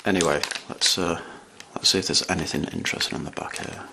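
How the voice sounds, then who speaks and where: A man's voice: low-pitched, fairly even intonation, quick pace, creaky, very noisy. A man chatting casually as he reviews candy on camera, rambling and restarting his sentences. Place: at home in front of a camera.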